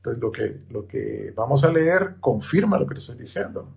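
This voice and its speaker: A man with a gravelly, slightly husky voice talks through a Bible passage. He explains it patiently and methodically, with a warm, mellow tone. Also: medium pitch, expressive, moderate pace. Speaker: Bible teacher on a podcast. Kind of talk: explanatory Bible study talk.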